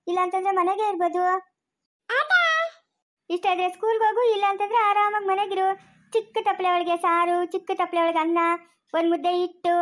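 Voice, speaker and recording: A woman's voice: very high voice, fairly bright tone. A woman acting out a family quarrel drama, playing every role herself in a scolding, quarrelsome way and switching between characters. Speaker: solo actor playing a whole family.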